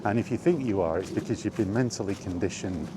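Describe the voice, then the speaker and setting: A man with a fairly low voice, a video host, airs his gaming opinions unscripted while on a walk. His delivery is emphatic and deliberate, built on repeated phrases and rhetorical questions, against noticeable ambient noise.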